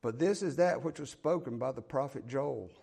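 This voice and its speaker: This Southern-accented man from the American South reads scripture in his sermon and explains it in a plain-spoken, folksy way. His voice is medium-pitched, gravelly, and mellow, slightly rough, at a moderate pace.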